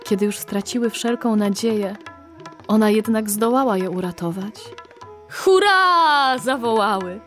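A woman narrating a fable in a slow, measured storytelling manner. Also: medium pitch, steady tone, darkish tone, soft background music.

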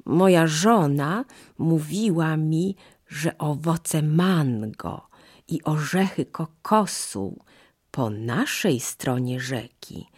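A sly, grinning crocodile, as a woman storyteller puts him on, drawing out each word in a low, smug, unhurried voice. He sounds husky and slow, savoring every promise. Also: animated, darkish tone, full character voice.

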